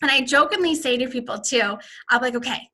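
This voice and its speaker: Bright, high-voiced woman giving sales advice. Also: fast talker. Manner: animated, acts out excited quoted voices. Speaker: direct sales team leader. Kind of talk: casual advice talk.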